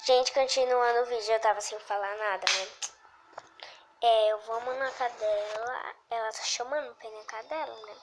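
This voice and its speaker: Excitable Brazilian woman narrating gameplay. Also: on the high side, normal speed, background noise. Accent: Brazilian Portuguese. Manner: excitable, swings from quiet muttering to squealing outbursts. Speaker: gaming video host. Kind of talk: casual gameplay commentary.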